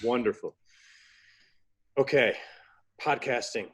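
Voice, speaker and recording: A man's voice: medium pitch, slow, fairly bright tone, husky. An American man hosting a podcast, asking questions in an encouraging, conversational way. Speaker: podcast host. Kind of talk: interview questions.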